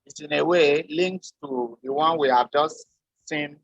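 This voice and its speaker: A man teaching a French lesson, explaining slowly and deliberately with spoken examples. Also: fairly high pitch, no room sound. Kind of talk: lecture.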